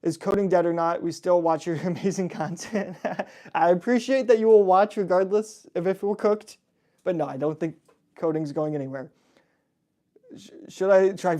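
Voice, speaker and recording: Relaxed chatty man with a mellow voice. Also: a little high. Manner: relaxed, chatty, laughs often, frequent "like" and "um". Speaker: host answering viewer chat. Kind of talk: casual livestream Q&A.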